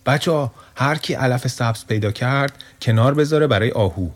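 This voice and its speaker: Guy doing a loud kindhearted donkey in a storybook, calling out. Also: medium pitch, natural voice. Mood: eager. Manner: calling out loudly. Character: loud, kind-hearted male donkey.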